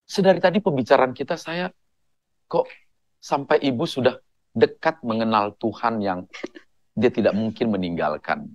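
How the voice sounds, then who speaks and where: Pastor host asking gentle questions. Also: male voice, medium pitch, moderate pace, long pauses, dry recording. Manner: thoughtful, searching questions with preaching asides. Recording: dull, dry sound.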